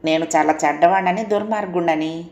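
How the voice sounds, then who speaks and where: A woman's voice: lowish voice, fast talker, darkish tone, echoey room, lo-fi sound, natural voice. A woman voicing an irritable young husband. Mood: sulky. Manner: impatient, scoffing.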